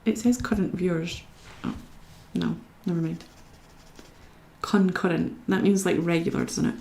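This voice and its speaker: A woman's voice: fairly low pitch, steady tone, moderate pace, warm tone, roomy sound, a little hiss or hum. A young Scottish woman chatting with viewers as she colours during a live stream. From Scotland. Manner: chatty, talks to viewers while working. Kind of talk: casual chat while colouring.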